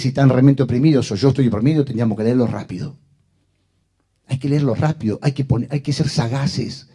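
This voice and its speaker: A man's voice: mid-range voice, dark tone. A man, preaching a sermon as pastor and joking with and addressing the congregation.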